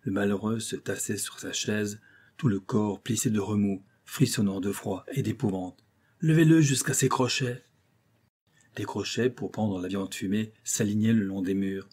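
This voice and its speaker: Husky, dark-toned male audiobook narrator. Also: lowish voice, little pitch movement, normal speed. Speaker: audiobook reader.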